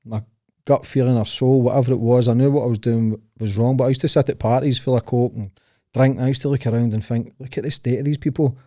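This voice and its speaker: A man's voice: mid-range voice, steady tone, quick pace, mellow, no room sound, clean studio sound. A man from Scotland with a Glaswegian accent, a podcast guest telling his life story in short clipped phrases with a cheeky manner. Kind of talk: casual interview chat.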